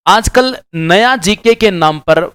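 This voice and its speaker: A man's voice: high-pitched, animated, slow pace, a bit bright, clean tone. A man teaching exam-prep students, lecturing straight to them emphatically and repeating key words for stress. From Rajasthan. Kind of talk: direct-to-camera lecture.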